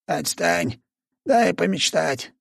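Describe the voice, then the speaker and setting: A man's voice: on the high side, lively intonation, takes it slowly, vocal fry, no echo, studio quality, pitched above the performer's own voice, exaggerated voice. A man voicing a melodramatic, whiny male chihuahua werewolf who squeals in protest in an audiobook. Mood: self-pitying. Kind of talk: audiobook character voice.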